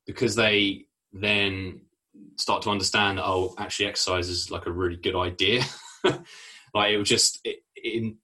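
A man's voice: lowish voice, sharp tone. A man hosting a casual fitness podcast interview, with an affirming, laid-back, slangy way of talking. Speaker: podcast host, fitness coach.

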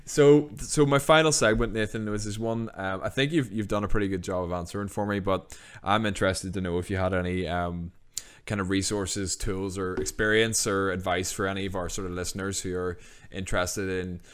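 A man hosts a casual podcast interview. His voice sits a little low. He speaks in relaxed, meandering questions full of "um" and "you know". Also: fairly quick, few pauses, clear, resonant tone. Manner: relaxed, asks rambling questions with fillers. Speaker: podcast host.

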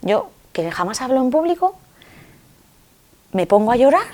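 A woman telling a personal story in an interview, expressive and acting out dialogue. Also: moderate pace. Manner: expressive, acts out dialogue with sudden pitch jumps. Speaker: interviewee sharing a personal testimony. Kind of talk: animated storytelling.

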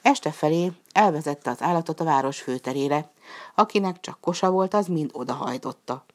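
A deep-voiced woman tells a folk tale, reading calmly like a storybook and raising her voice when the characters speak.

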